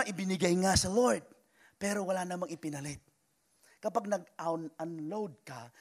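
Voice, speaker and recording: A man preaching a sermon in church as pastor, animated, with acted quotes and sudden shouts. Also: sits high.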